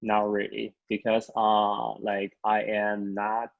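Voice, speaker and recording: A young man from China with a Chinese accent, answering as a podcast guest in halting English with many fillers. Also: lowish voice, completely flat delivery, creaky, no echo, phone-quality sound. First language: Mandarin. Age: young adult. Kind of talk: podcast interview.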